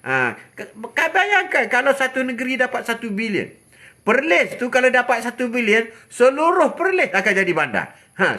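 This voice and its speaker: An older man with a Malaysian Malay accent, hosting a live religious talk. He preaches in a fiery, animated way, laughing often and dropping into sudden low asides.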